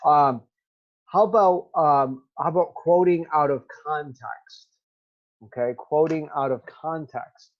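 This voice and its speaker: A man teaching a recorded remote lesson, talking straight to his students in a halting way with many ums. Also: on the high side, muffled recording.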